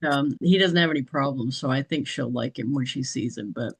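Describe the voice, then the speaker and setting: A woman's voice: rumbling low, brisk, slightly rough, poor audio. A woman chatting casually in a group meeting, rambling along with frequent restarts and light laughter. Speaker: business training participant.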